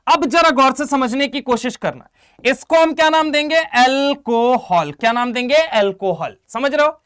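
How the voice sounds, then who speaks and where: This male chemistry teacher, whose pitch is extremely high, leads an online exam-prep session by rapidly questioning students and coaxing replies in energetic call-and-response. He calls them "beta" and "bhai", and the clean studio sound has no room sound.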